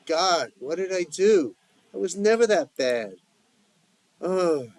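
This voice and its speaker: A man's voice: medium pitch, animated, moderate pace, darkish tone, no room sound, close to an everyday voice. A man voicing a fed-up, exasperated middle-aged mother in a family audio story. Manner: exasperated, complaining.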